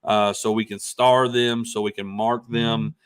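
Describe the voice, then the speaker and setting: A man's voice: lowish voice, little pitch movement, clear, resonant tone. A man hosting a live sports show, talking casually with frequent "uh"s and restarts. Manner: halting, many fillers and restarts. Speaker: podcast host. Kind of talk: casual live-stream chat.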